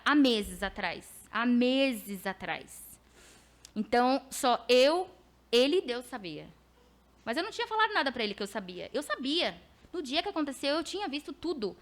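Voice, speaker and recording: Earnest São woman preaching. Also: high voice. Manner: earnest, animated storytelling with quoted dialogue. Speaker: preacher giving a testimony at a church service. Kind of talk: testimony sermon.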